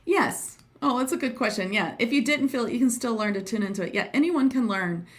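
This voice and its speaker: A woman's voice: on the high side, animated, brisk. Giggly, informal woman chatting on a livestream. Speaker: host and trance channeling teacher. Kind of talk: casual livestream chat with viewers.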